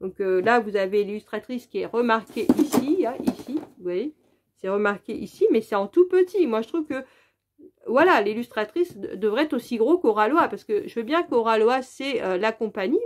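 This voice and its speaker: A woman with a slightly high voice talks to her viewers in a relaxed home vlog about puzzles. She speaks in a chatty way, pausing often with fillers and restarting her sentences. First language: French. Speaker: puzzle vlogger. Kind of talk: casual review vlog to camera.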